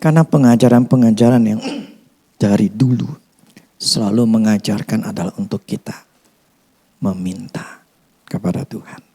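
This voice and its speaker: A man preaching a sermon as pastor, conversational and lively, swinging between loud bursts and hushed asides. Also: on the low side, moderate pace, pauses often, slightly rough.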